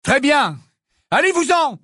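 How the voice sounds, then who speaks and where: A man voicing an impatient, angry teenage boy in an audiobook, with sharp outbursts. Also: fairly high pitch, animated, normal speed, slightly rough, no room sound, clean studio sound, voice pushed up. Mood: shouting. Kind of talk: audiobook character voice.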